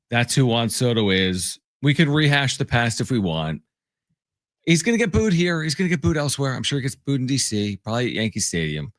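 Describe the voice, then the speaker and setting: A man hosting a casual sports talk radio show in a studio, chatty and quick to laugh. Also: medium pitch, no echo. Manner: chatty, laughs often, animated.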